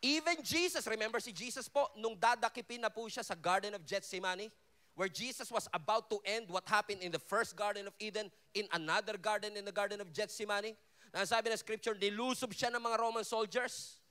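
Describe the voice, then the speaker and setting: A male pastor preaching a sermon at a worship festival, full of energy and humor, dropping low and soft when he quotes Jesus. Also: a little fast. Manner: animated preaching, drops low and soft for quoted lines, jokes with the crowd. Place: large hall at a worship event.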